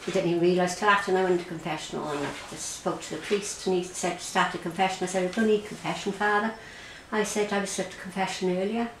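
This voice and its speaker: An Irish woman recounts her own experience in a conversational interview, often halting and repeating words. Her voice sits in a roomy, echoing space with a faint hiss underneath. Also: on the low side, steady tone. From Ireland. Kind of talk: personal testimony in an interview. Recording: roomy echo, faint background noise.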